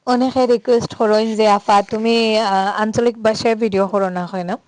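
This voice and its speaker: A woman's voice: fairly high pitch, steady tone, a little mellow, dry recording. Middle-aged woman vlogger, Sylheti accent, chatty and easygoing, dry close sound. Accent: Sylheti Bengali. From Sylhet, Bangladesh. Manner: chatty, unhurried, frequent "ah" fillers. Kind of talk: casual vlog narration.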